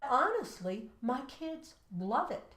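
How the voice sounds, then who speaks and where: An American teacher co-hosting an education show tells classroom stories and gives emphatic advice, acting out the dialogue in an animated way. Her high voice swings widely in pitch, moves slowly, and sounds a bit bright. The room is echoey, with a little hiss or hum.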